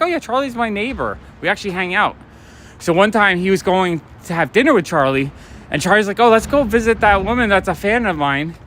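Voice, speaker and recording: A man's voice: sits high, bright, forceful tone. A man casually chatting and telling stories while walking outdoors at night, talking to viewers from a phone he holds. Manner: chatty, storytelling, talking to live chat. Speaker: vlogger and comic shop owner. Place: city streets at night, outdoors. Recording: light street noise, traffic.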